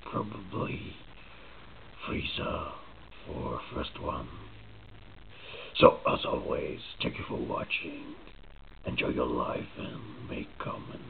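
Deep gravelly man talking through a mask. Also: big pitch swings. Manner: halting, often whispery delivery. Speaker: vlogger showing a costume mask. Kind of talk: casual show-and-tell. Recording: tinny phone-like sound with faint noise.

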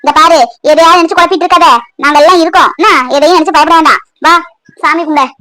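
A woman voicing a brisk, sharp-tongued middle-aged mother who scolds her daughter in a cartoon. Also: extremely high pitch, steady tone, no echo. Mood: scolding. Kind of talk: cartoon voice acting.

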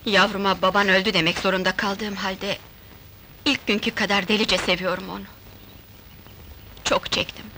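A woman's voice: medium pitch, sharp tone, slight background noise, lightly acted, poor audio. An actress playing a sorrowful young singer and mother who speaks mournfully in a 1970s film. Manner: mournful, confessional.

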